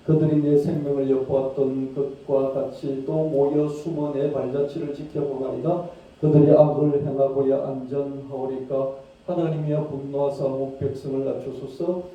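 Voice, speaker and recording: A man preaching a sermon as pastor, talking conversationally, asking his listeners questions, and acting out hushed pleading prayers. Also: mid-range voice, little pitch movement, normal speed. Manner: conversational, asks the congregation rhetorical questions. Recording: distant, very echoey dull-sounding room.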